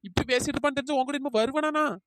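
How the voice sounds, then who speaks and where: A woman voicing a hot-tempered, argumentative village woman who shouts insults in a cartoon. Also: high-pitched, steady tone, racing, background noise, lightly acted. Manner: loud, abusive, argumentative. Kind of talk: cartoon voice acting.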